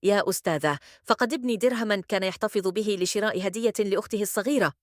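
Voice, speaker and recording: A woman voicing a grateful, kindly father in a children's story, speaking in a warm, blessing tone. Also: mid-range voice, fast, no room sound, studio quality, lightly acted.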